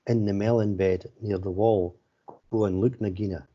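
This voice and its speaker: A brave male mongoose from a storybook read by a man, taunting and challenging. The voice is fairly low and slightly husky, on a somewhat dull recording. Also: steady tone, normal speed, natural voice.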